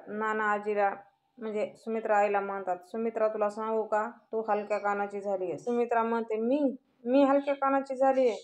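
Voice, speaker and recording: A woman's voice: mid-range voice, a little mellow. A woman retelling a TV serial episode scene by scene, steadily reading out each character's lines as she goes. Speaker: serial episode recap narrator.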